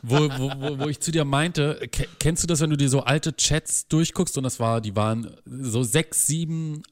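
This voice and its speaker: A man in a casual podcast chat, telling animated, self-mocking stories with restarts. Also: mid-range voice, normal speed.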